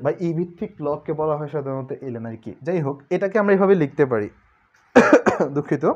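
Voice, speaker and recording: A man's voice: a little high, a little mellow. A young man tutoring calculus online, chatty and joking, slipping English words into his talk. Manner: chatty, mixes English words, jokes with students. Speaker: math tutor. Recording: dull lo-fi sound.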